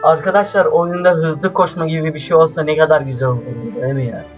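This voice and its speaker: A man doing casual let's-play commentary, chatty and excitable, swearing often and talking straight to his viewers. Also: a little high, fast talker, highs cut off. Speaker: gameplay commentator. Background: faint game music.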